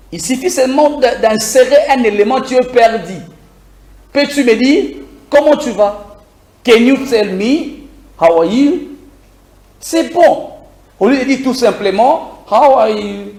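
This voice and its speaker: A man teaching a beginners' English lesson on air, lively and repetitive, asking listeners to repeat phrases after him. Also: extremely high pitch, reverberant. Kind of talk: live broadcast English lesson.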